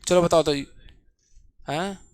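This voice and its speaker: A man's voice: on the high side, steady tone, slow, a little mellow, dry recording. Teasing male physics teacher in class. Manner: teasing, scolding students jokingly.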